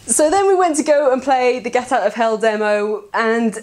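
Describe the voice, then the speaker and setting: A woman vlogging in casual chat, tired and hoarse, rambling excitedly, swearing freely and laughing often. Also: on the high side, normal speed.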